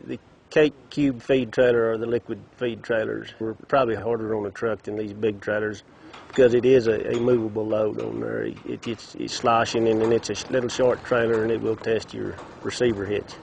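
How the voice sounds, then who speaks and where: A man's voice: lowish voice, flat delivery, fairly quick, vocal fry, darkish tone, slight background noise. A plain-spoken man with a Texan accent, talking casually and emphatically in an interview. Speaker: rancher.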